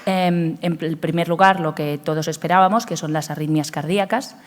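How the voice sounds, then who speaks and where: A woman's voice: sits low, moderate pace. A woman with a Spanish accent and a cold, giving a hesitant medical conference talk with many fillers. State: has a cold. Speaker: cardiologist speaker. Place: conference hall. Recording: long hall reverb.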